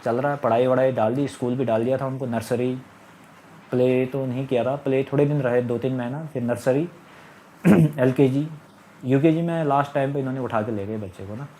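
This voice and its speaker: A man's voice: medium pitch, brisk, mellow, slight background noise. A middle-aged man telling a long personal story in a casual, rambling, aggrieved way, repeating his phrases. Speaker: storyteller recounting his marriage. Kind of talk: casual spoken monologue.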